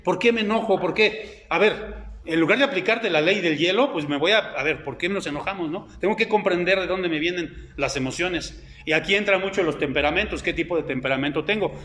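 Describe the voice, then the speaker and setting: A man's voice: sits high, fairly bright tone, a little hiss or hum. A middle-aged man preaching a sermon over slides, in a conversational way full of fillers and rhetorical questions. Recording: echoey room.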